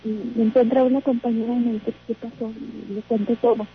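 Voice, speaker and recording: A woman's voice: a little high, level tone, fast. A woman calling in to tell a frightening story, hesitant and full of fillers, still shaken. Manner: hesitant, many fillers and restarts. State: shaken, trembling. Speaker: caller. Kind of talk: telling a personal story. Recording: tinny phone line.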